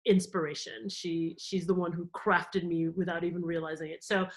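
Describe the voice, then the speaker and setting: A woman from Cameroon, a guest in an interview, telling stories in a lively, animated way and laughing often. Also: lowish voice, normal speed, low-quality recording. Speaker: guest, theme park company executive. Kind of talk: conversational interview.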